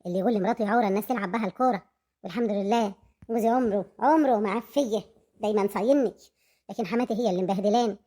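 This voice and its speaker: A woman's voice: mid-range voice, racing, dark tone, natural voice. A woman playing a young wife who talks fondly and proudly of her husband, with an Egyptian accent.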